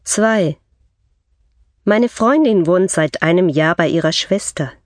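A woman reading scripted textbook dialogue for a language course with slow, clear enunciation. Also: lowish voice, animated, dry recording, clean studio sound.

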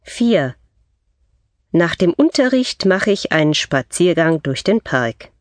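A woman reading scripted textbook dialogue for a language course with slow, clear enunciation. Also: lowish voice, very animated, dry recording.

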